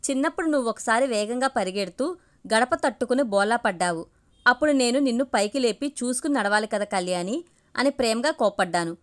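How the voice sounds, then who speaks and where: A woman's voice: fairly high pitch, expressive, brisk, lightly acted. Woman reading as a wry middle-aged mother.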